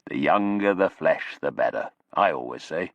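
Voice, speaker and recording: A man doing a leering, boastful loudmouth. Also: very deep voice, expressive, normal speed, no echo, dull audio, voice pushed down. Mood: needling.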